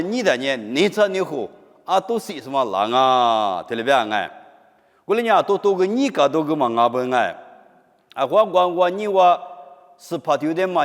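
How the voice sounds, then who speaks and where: A man preaching a sermon with emphatic delivery, rising to loud high stresses and dropping to low quiet phrases. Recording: long hall reverb.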